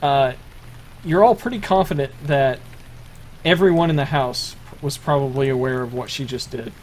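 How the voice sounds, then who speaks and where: A man running a tabletop role-playing game as game master, narrating the action in a halting way with many fillers and restarts. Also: medium pitch, a little mellow, slight background noise.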